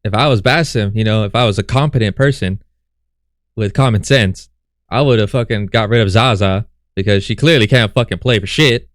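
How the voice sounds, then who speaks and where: A man's voice: lowish voice, moderate pace, dry recording, studio quality. A man reacting to a video as a streamer, heckling the clip and swearing freely. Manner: profane, mocking, heckles the clip. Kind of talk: casual reaction commentary.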